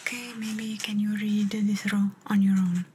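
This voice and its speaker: Woman as slow-speaking Italian clinician, whispered role-play. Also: mid-range voice, flat delivery, husky. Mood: calm, encouraging. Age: young adult. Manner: gentle step-by-step instructions with repeated short praise. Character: calm, encouraging female Italian clinician giving an exam. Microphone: close ASMR microphone.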